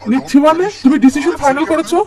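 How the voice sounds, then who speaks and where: A man's voice: very high-pitched, steady tone, rapid-fire, pitched above the performer's own voice. A man reading the lines of a flustered, protective young husband. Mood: exasperated. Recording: distant mic with background music.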